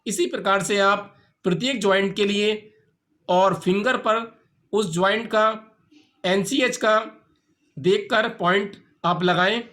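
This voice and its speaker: A man's voice: sits high, slow pace, a bit bright. A man teaching an acupressure treatment, explaining each step patiently and repeating the points. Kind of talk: instructional demonstration.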